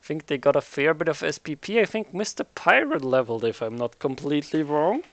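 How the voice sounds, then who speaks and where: A man's voice: fairly high pitch, animated, a little fast, dry recording. A man hosting a casual game recap, chatty and joking as he thinks aloud. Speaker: recap host.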